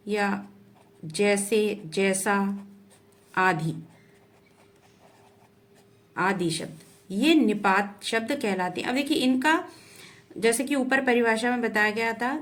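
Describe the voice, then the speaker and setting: A woman with a slightly high voice gives a grammar lesson at a slow, careful pace. She repeats each definition and keeps checking that students follow. Writing can be heard faintly behind her. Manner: slow and deliberate, repeats definitions, often adds "ठीक है". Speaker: Hindi grammar teacher. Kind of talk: explanatory lesson.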